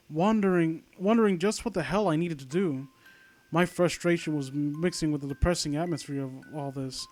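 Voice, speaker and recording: A man with a somewhat high, slightly mellow voice reads an online horror story aloud. He keeps stopping to critique it with sarcastic, exasperated, profane remarks. Glockenspiel-like video game music plays behind him.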